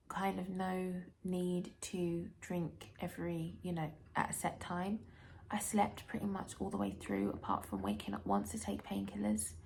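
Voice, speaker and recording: A woman speaks casually to her vlog viewers while recovering from tonsil surgery. Her throat is dry and sore, and her medium-pitched voice crackles with vocal fry. She talks haltingly, pausing often as she goes. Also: darkish tone. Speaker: vlogger. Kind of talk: casual personal health vlog.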